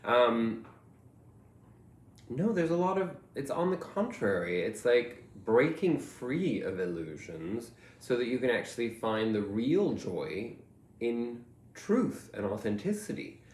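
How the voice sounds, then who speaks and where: A man giving a reflective tarot reading, musing and meandering, often trailing off softly. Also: medium pitch, sing-song, slow pace. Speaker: tarot reader. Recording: roomy echo, faint ambience.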